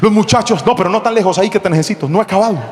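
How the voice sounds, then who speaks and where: High-voiced pastor in a hall. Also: male voice, rapid-fire. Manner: animated storytelling, shouting and acting out quotes. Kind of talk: sermon with acted-out story.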